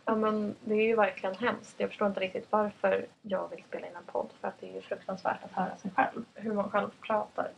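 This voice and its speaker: A woman's voice: medium pitch, little pitch movement, creaky, few pauses. A young woman from Stockholm, co-hosting a podcast in a chatty, casual way, asking the questions with plenty of fillers. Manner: chatty, fillers like "liksom" and "så här", drives the questions. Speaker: podcast co-host. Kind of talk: casual chat. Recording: dull lo-fi with faint background noise.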